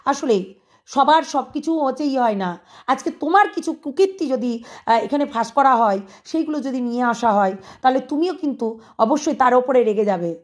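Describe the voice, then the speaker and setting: High-voiced woman scolding with rhetorical questions. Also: lively intonation, a little fast. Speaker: online video creator. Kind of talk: confrontational monologue addressed to a rival.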